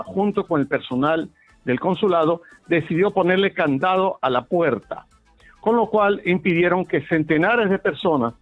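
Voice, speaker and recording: A man with a Caribbean Spanish accent, speaking bluntly as a panelist in a live political debate, over a thin phone-like connection. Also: fairly high pitch. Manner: blunt, plain-spoken. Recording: thin phone-like sound, music behind.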